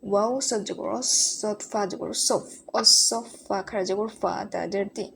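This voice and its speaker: Slow, patient woman teaching Quran letters. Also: mid-range voice, steady tone, creaky, fairly bright tone, slight background noise. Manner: spells letters and vowel marks one by one, then joins them. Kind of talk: slow spelling-out recitation lesson.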